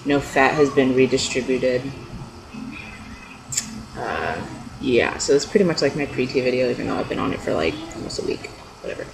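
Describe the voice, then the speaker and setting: A young adult man from California chats to camera like a personal video blogger, rambling and hesitant, with an animated tone, vocal fry, moderate pace and frequent pauses. The unscripted talk is captured on noisy, low-quality amateur webcam-style audio.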